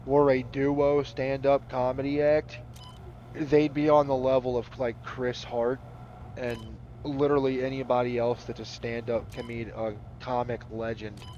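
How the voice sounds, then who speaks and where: A man's voice: mid-range voice, little pitch movement, unhurried, darkish tone, highs cut off, a little hiss or hum. A man chatting casually while playing a game, rambling, laughing often and swearing freely. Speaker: gaming channel host. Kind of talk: casual commentary over gameplay.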